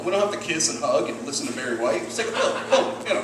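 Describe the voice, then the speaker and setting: A man in his forties performs stand-up on a comedy club stage, self-mocking and profane, acting out the people he quotes as the audience laughs. His voice runs high, animated, and racing. The recording is echoey and distant, with loud crowd noise.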